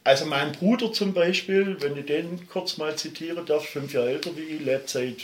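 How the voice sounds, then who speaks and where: There's a bit of hiss or hum and an echoey room as a middle-aged musician from Baden-Württemberg talks at normal speed in a fairly high voice. As an interview guest with a Swabian accent, he speaks passionately and emphatically, going on at length and straying from the point.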